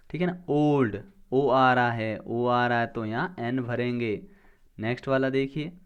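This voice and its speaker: A man teaching a grammar lesson for an exam. He explains step by step, asks questions and answers them himself, and sounds out words slowly. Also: on the high side.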